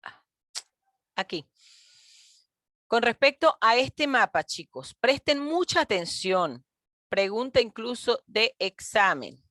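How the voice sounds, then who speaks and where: A woman's voice: fairly high pitch, animated, slow pace, pauses often, a bit bright, dry recording, clean studio sound. A woman teacher giving an online grammar lesson to pupils, patient and encouraging, often checking with her class. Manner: patient, calls pupils "mis niños" and "chicos", often checks with "¿ok?". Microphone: computer mic on a video call.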